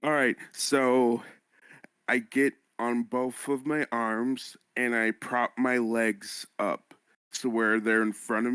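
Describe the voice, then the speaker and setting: A man's voice: mid-range voice, fairly bright tone, clean tone, no room sound. A man chatting casually as a player improvising in a tabletop role-playing game.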